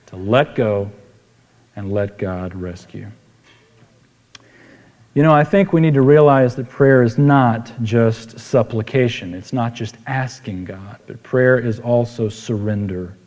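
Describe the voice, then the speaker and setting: Speaking at a medium pitch with a darkish tone, a middle-aged man tells personal stories as he preaches. He keeps it homespun and conversational, leaning on repeated phrases for emphasis, and the hall around him is reverberant.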